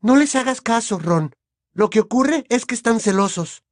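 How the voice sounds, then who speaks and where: A man voicing a clever, bossy teenage witch girl with a brisk, prim manner. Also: extremely high pitch, lively intonation, no room sound, clean studio sound, pitched above the performer's own voice. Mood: indignant.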